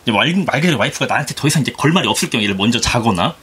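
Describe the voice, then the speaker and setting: A man in his thirties talks quickly through a casual podcast chat, his voice a little husky. He circles his point with fillers and restarts, and his pitch moves a lot as he goes. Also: lively intonation, sharp tone. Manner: rambling with frequent fillers and restarts. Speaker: podcast panelist.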